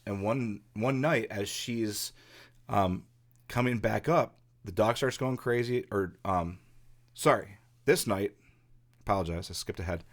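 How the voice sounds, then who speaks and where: Rambling low-voiced male podcast storyteller. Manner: rambling, many fillers and restarts. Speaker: podcast host. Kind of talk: casual storytelling.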